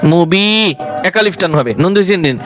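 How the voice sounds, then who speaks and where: A man teaching Quran reading, spelling each word letter by letter and then reciting it slowly and drawn out. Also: sits high, expressive, rough recording.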